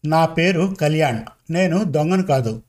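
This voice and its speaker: A man narrating a first-person story in a measured, conversational storytelling manner. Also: a little high, lively intonation, darkish tone.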